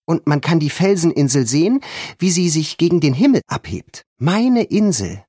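A proud, fiery tomboy girl, put on by a male storyteller sits well above his usual register. The voice stays husky and close, with no room around it. She swings widely in pitch and pushes hard when something threatens what she calls her own. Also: sing-song, normal speed, no echo. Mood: wistful. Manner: rising sharply to urgent shouting when alarmed.

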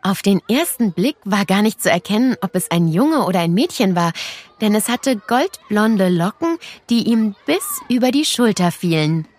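A woman with a mid-range voice reads a children's story aloud at a normal speed, narrating expressively.

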